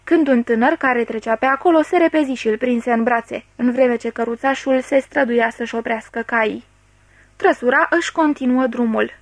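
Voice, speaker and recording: Female audiobook reader, high-pitched, steady narration, dry close recording. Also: no echo. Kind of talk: scripted narration.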